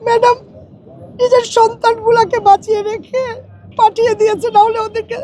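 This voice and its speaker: A middle-aged woman with a Bangladeshi accent, crying and sobbing as she gives emotional testimony in a halting, pleading way. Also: very high-pitched, level tone, mellow, rough recording. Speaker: political party activist. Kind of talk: emotional spoken testimony to interviewer.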